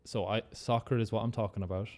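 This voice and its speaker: A man's voice: on the low side, steady tone, fast, a little mellow. A man from Galway with a west of Ireland accent, talking casually as an interview guest.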